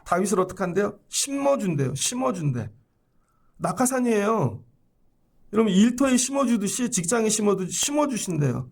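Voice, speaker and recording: A middle-aged male pastor preaching with a fairly high voice and a rough, gravelly edge. He talks to the congregation like a conversation and acts out God's words in plain casual speech. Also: sing-song, normal speed. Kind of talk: sermon at a Friday prayer service.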